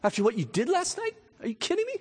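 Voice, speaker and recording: A man's voice: extremely high pitch, huge pitch swings, fast talker, pitched above the performer's own voice, exaggerated voice. A man voicing a scornful inner accuser who mocks and scolds in disbelief. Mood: mocking. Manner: mocking, incredulous.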